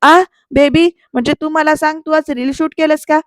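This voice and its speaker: A woman voicing a young husband who makes quick, defensive excuses. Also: high voice, fairly even intonation, no echo, studio quality, pitched above the performer's own voice, natural voice.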